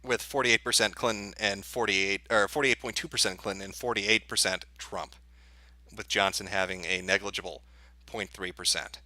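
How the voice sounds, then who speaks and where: Man, election night analyst, lowish pitch, very bright forceful tone, casual live commentary, dry close-mic sound. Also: steady tone, normal speed, dry recording, low-quality recording. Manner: off-the-cuff election night analyst, thinking aloud. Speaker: livestream host.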